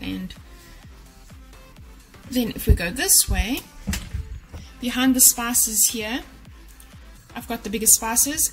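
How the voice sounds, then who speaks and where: Poor audio captures a fairly high, slightly bright voice from a woman in her thirties. A cleaning vlogger, she chats casually to camera in her home kitchen, offering practical cleaning and organizing tips directly to viewers in how-to narration.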